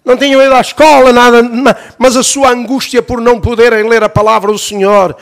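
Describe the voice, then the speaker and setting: A man with a European Portuguese accent, a pastor teaching a Bible-school class in an emphatic preaching cadence that sometimes rises toward shouting. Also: very high-pitched, level tone, brisk. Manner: emphatic, rising to near-shouts, calls for "amen".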